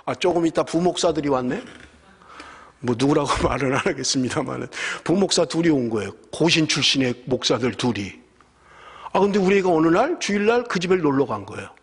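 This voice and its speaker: Middle-aged korean pastor guy preaching, pitch all over the place, kinda husky, big echoey church. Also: fairly quick. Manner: animated storytelling, rising to emphatic exhortation. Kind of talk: sermon with personal anecdotes. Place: church sanctuary. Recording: long church hall reverb.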